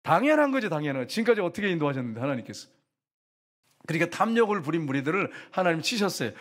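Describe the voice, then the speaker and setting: A man preaching a sermon as pastor, lively and chatty, teasing the congregation with questions. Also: on the high side.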